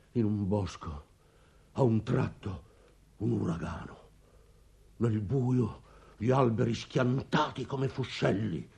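An actor playing an anguished old merchant father in a radio play, speaking with dramatic swells and hushed moments. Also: mid-range voice, creaky, husky, heavily acted.

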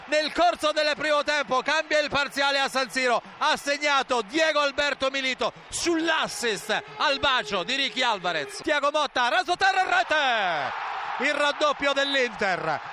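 A man giving live football commentary with emphatic, drawn-out exclamations on a noisy feed. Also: very high voice, sharp tone. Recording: clearly noisy stadium feed.

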